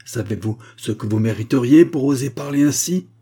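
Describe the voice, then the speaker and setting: A man's voice: mid-range voice, moderate pace, dark tone, breathy edge, lightly acted. A man voicing a proud, wealthy man, offended and imperious toward those around him.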